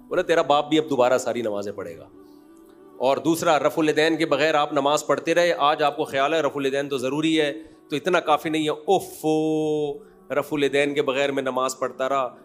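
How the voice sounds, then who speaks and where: A fairly high-voiced man lectures with force and scolds his listeners, now and then mimicking the people he argues against. Faint music plays behind him. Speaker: religious scholar. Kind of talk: lecture on prayer rulings.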